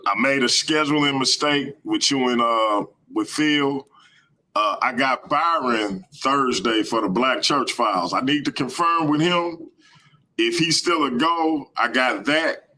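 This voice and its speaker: A man hosting a live stream, talking casually in slangy, energetic bursts. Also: mid-range voice, a little slow, low-quality recording.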